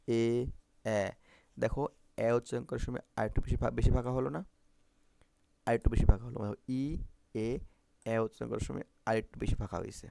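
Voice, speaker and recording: A man's voice: medium pitch, gravelly, warm tone. A man teaching Bangla phonetics for exam prep, repeating vowel sounds and often checking if students follow.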